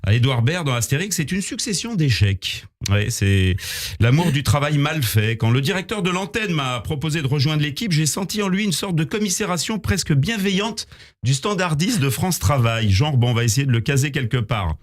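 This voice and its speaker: A man reading a scripted comic column on the radio in a small studio, with wry, deadpan asides. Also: a little high, moderate pace. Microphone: studio microphone.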